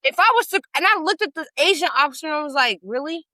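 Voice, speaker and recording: A woman's voice: sits high, rapid-fire, no echo, poor audio. A woman co-hosting a casual podcast, telling a story with lots of profanity and acting out the people in it. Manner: animated storytelling, profane, acts out quotes. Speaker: podcast co-host. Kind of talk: casual chat.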